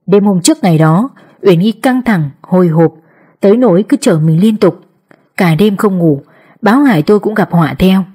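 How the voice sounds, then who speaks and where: A woman reading an audiobook as narrator, telling the story in an even manner. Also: mid-range voice, moderate pace, slightly rough. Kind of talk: scripted narration.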